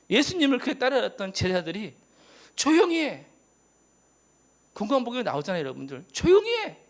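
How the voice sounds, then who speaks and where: Male missionary preacher, fifties, high voice, very lively pitch, emphatic sermon delivery. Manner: impassioned, emphatic preaching with sudden loud peaks and hushed whispers.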